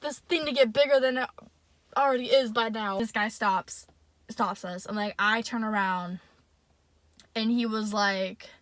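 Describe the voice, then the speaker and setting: A young woman with a bright, ringing voice tells a personal story to her viewers. She talks in a loose, chatty way, packs her sentences with fillers and swears freely. She addresses the audience directly, the way a casual vlogger does. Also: fairly high pitch, unhurried, dry recording.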